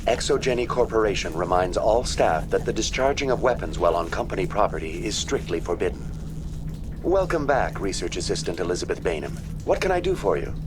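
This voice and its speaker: A man voicing a calm, polite computer terminal AI in a video game, speaking in a formal, bureaucratic way. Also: low-pitched, a little fast, background noise. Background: game music.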